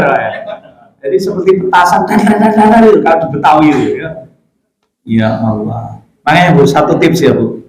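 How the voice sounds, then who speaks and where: A middle-aged preacher with a Javanese accent delivers a sermon in a playful, joking way. His voice sits fairly high. It rings around an echoey mosque hall. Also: a little hiss or hum. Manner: lively, joking with the congregation, slips into Javanese phrases.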